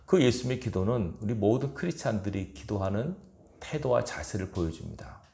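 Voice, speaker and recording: A man's voice: fairly low pitch, expressive, brisk, creaky, dark tone. A male pastor preaching a fervent, emphatic sermon in a church sanctuary. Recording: roomy church echo.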